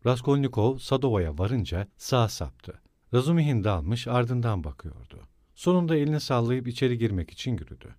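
A man narrating a classic novel as an audiobook, in a calm, even storytelling manner. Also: mid-range voice, fairly quick, dry recording, studio quality.

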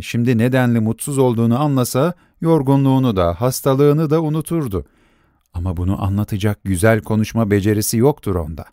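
A man narrating a story in a measured, expressive reading. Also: mid-range voice, no echo, clean studio sound.

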